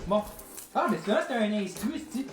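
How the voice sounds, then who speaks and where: A man's voice: sits high, expressive, normal speed, soft background music. A man with a Québécois French accent, a rapper chatting casually on a livestream and freestyling, rambling and swearing often.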